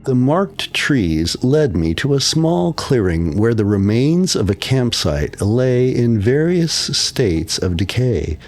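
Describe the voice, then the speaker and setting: A man narrating a horror story as scripted narration, in a slow, hushed and suspenseful way. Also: medium pitch, big pitch swings.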